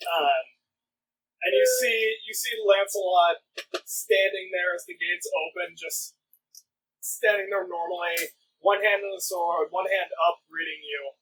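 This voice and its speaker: A man's voice: high voice, expressive, a little slow, a bit bright, slight background noise, rough recording. A man narrating as game master of a tabletop game, drawing out his descriptions and laughing along.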